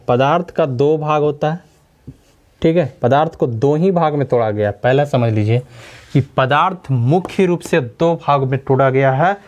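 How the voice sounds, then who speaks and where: Male teacher, slightly high voice, lesson style, quizzes the class and repeats terms. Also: darkish tone, lo-fi sound. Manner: repeats key words and quizzes listeners with questions. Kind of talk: classroom lecture.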